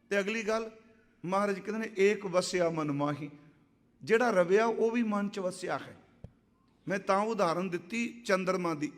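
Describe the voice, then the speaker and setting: A high-pitched man delivers a sermon in a hall with a long, ringing reverb. He intones scripture in slow, drawn-out lines, then explains it in easy conversational speech. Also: a bit bright. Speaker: Sikh preacher giving katha.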